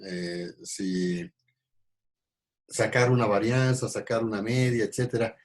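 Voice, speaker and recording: A man gives an ecology lecture in a fairly low voice. He talks in halting stretches, full of fillers and restarts. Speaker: ecology teacher. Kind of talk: recorded class lecture.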